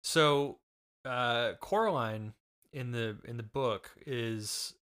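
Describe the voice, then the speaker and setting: A man's voice: mid-range voice, takes it slowly, a bit bright. Patient man guiding a book chat. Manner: patient, steers the talk back to the topic; explains with frequent fillers and restarts. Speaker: podcast co-host, father. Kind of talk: casual book discussion.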